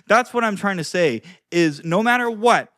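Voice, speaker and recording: A man's voice: sits high, lively intonation, normal speed, fairly bright tone. A young man giving casual social skills advice to camera, rambling and filling his talk with "like". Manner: loose and rambling, heavy use of "like", demonstrates tones. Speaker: dating and social skills vlogger.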